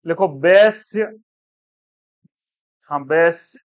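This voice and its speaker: A male teacher from India dictating words to a class one by one, repeating each slowly. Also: fairly high pitch, clear, resonant tone, no room sound. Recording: dull, dry classroom recording.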